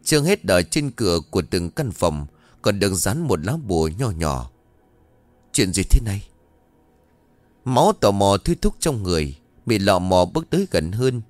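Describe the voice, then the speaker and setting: A man narrating a scripted horror story with an expressive, suspenseful delivery. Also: fairly low pitch, moderate pace, dry recording. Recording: dry close mic, faint music.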